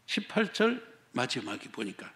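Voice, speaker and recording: A man's voice: medium pitch, sing-song, normal speed, a bit bright. A male pastor preaching a sermon, emphatic and full of rhetorical questions, acting out the feelings of the story in the first person. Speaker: senior pastor.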